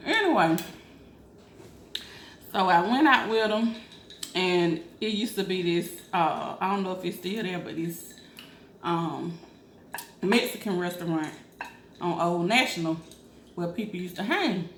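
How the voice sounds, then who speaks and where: A woman's voice: fairly low pitch, unhurried, long pauses. A woman chatting informally in a rambling storytime style during a mukbang. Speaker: mukbang vlogger. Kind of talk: casual storytime chat while eating. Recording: roomy echo, faint background noise.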